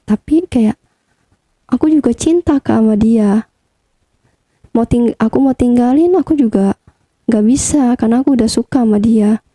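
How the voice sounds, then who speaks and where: A young woman recounting a personal story in casual conversation, pausing often and hedging with fillers. Her voice sits a little high. Its tone is deeply mellow and warm. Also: no echo. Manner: chatty, hesitant with many fillers. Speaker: interview guest.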